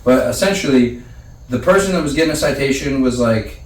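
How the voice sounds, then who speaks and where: A man's voice: medium pitch, expressive, brisk. A young man in casual podcast chat, joking and swearing freely as he jumps in. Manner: joking, profane, interjecting. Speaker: podcast co-host. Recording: echoey room, distant mic, faint ambience.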